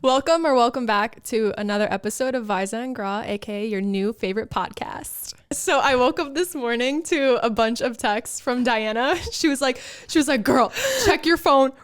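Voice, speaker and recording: A woman's voice: fairly high pitch, moderate pace, hardly any pauses, clear, resonant tone. A young woman co-hosting a podcast in casual chat, telling stories animatedly with lots of fillers. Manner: animated, emotional storytelling with many fillers. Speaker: podcast co-host.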